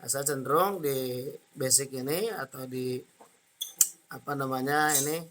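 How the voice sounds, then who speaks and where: A man's voice: medium pitch, unhurried, fairly bright tone, slight background noise. A man with an Indonesian accent teaching an Arabic grammar class, explaining patiently step by step and checking in often.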